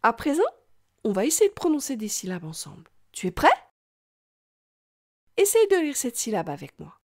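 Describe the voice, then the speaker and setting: A woman's voice: fairly high pitch, huge pitch swings, darkish tone. A woman giving a scripted reading lesson for young children, patient and sounding out each syllable with exaggerated care. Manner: slow, patient, sing-song, exaggerated pronunciation. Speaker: teacher.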